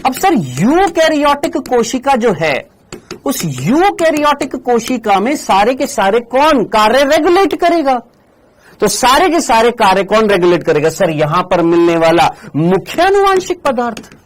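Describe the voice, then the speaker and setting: A male teacher delivers an online class lecture with a very animated voice that swoops up and down. He keeps asking the class questions and then answering them himself. He slips English terms into his explanations and scolds his students in a firm but friendly way. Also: extremely high pitch, a little slow.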